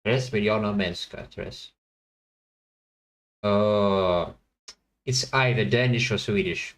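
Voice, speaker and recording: A man plays a language-guessing game on stream, thinking out loud haltingly with lots of fillers and self-corrections. Between guesses he chats with viewers in a lowish, fairly bright voice.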